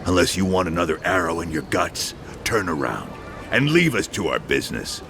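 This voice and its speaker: An actor playing a gruff, threatening gang leader in a video game, talking with open contempt. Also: male voice, low-pitched, big pitch swings, moderate pace, noisy background, heavily acted. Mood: menacing. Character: menacing gruff male gang boss, threatening.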